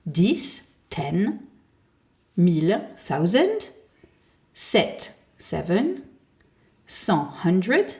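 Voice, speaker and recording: Slow, very deliberate woman teaching English. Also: fairly low pitch, warm tone. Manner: slow and carefully enunciated, modelling words to repeat. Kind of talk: slow, deliberate language lesson.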